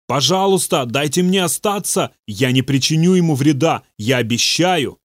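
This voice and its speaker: A man voicing a boastful male demon speaking through a possessed youth, in a slow, low, gloating way. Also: lively intonation, no echo, studio quality, lightly acted. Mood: whining.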